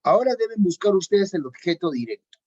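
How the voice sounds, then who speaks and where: Teacher lecturing on grammar, middle-pitched, insistent repetition, muffled lo-fi audio. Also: very animated, fairly quick, darkish tone. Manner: repeats key points for emphasis; checks in with students. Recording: dull lo-fi recording.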